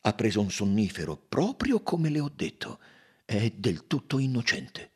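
A man's voice: on the low side, big pitch swings, normal speed, darkish tone, slightly rough, full character voice. A man voicing a hot-tempered aristocratic count who speaks with indignant passion. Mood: impassioned. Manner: indignant, impassioned.

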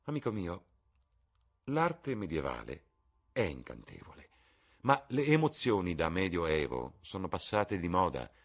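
A man with a very deep, husky voice reading a witty, cynical aristocrat who speaks in ironic epigrams. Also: big pitch swings, measured pace, heavily acted.

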